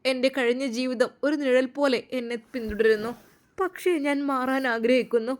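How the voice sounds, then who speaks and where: A woman's voice: high-pitched, steady tone, normal speed, close to an everyday voice. A woman voicing a young remorseful mother who prays tearfully and pleads for forgiveness. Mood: tearful pleading.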